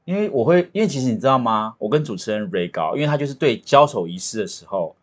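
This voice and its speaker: A man talks quickly in relaxed podcast banter. His pitch swings widely as he jokes and tells stories, and he sounds animated and chatty throughout. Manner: animated, chatty, jokey storyteller. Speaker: podcast co-host about to marry. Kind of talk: casual chat.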